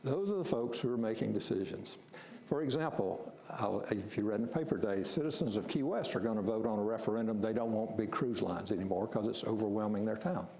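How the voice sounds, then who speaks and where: In an echoey city meeting room with faint noise, a man facilitates a public strategic planning meeting. His voice sits on the low side with vocal fry and a dark tone, and he speaks a little fast. He explains things firmly, repeating words as he goes.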